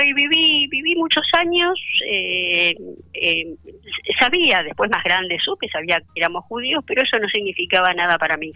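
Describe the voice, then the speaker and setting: Older Argentine woman, bright reflective voice. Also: lowish voice, dry recording, rough recording. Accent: Argentine (Rioplatense). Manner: reflective, hesitant with frequent fillers. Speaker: interview guest, author. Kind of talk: personal testimony in a radio interview.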